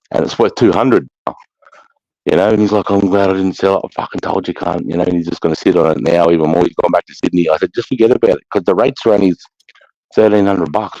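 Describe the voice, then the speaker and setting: A low-pitched, dark-toned Australasian man hosts a casual live chat, slangy and blokey and swearing freely. No room sound comes through, and the recording is dull and lo-fi.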